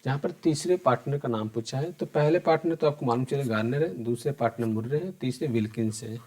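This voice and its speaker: A man's voice: mid-range voice, brisk, darkish tone. A man teaching an accounting lesson for exam preparation. He talks straight to his students, keeps asking them questions and answers them himself, and repeats the key points. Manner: conversational, addresses students directly and asks them questions. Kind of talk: exam-prep lecture.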